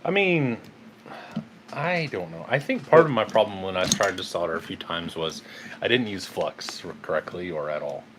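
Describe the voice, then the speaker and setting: A man's voice: low-pitched, expressive, normal speed, background noise. A man bantering and joking in a garage while he works on a truck, cursing when parts won't fit. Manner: joking, cursing at his work. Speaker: guest co-host. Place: home garage. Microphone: host's phone on tripod.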